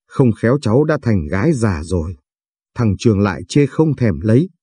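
Guy doing a frail old grandpa near the end, weary, teasing a little, low husky voice, dry close sound. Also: very animated, moderate pace, warm tone, no echo. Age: older.

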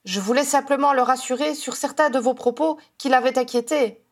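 A woman's voice: sits high, fairly quick, pitched above the performer's own voice. Cold stiff old guy, short and frosty, woman reading. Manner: cold, clipped. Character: cold, stiff old man, family elder.

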